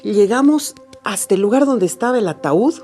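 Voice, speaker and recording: A woman's voice: mid-range voice, expressive, moderate pace, darkish tone, soft background music. A woman recounting a painful memory in a documentary interview, telling it vividly and acting out the dialogue. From Bolivia. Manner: vivid storytelling, acts out remembered dialogue. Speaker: interviewee, daughter recalling her father's death.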